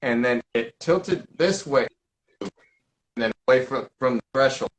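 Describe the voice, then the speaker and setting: Male host for a casual live stream, mid-pitched, halting and full of fillers. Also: poor audio. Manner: rambling, halting, with many fillers and restarts. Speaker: paranormal investigator hosting a live Q&A.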